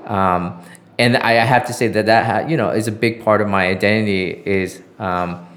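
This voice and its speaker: A middle-aged American man from Southern California, a former journalist, tells stories as an interview guest in a conversational way, reflective and often searching for words. His fairly low voice is a bit bright, with fairly even intonation and normal speed.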